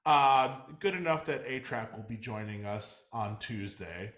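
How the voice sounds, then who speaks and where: A man co-hosting a podcast in casual chat, animated and swearing freely, repeating himself as he talks. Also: lowish voice, a little slow. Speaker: podcast co-host. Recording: roomy echo.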